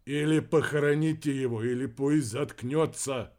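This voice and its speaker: A man's voice: medium pitch, fairly even intonation, moderate pace, a little mellow, close to an everyday voice. A man putting on a groaning hungover guy. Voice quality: moaning, pained.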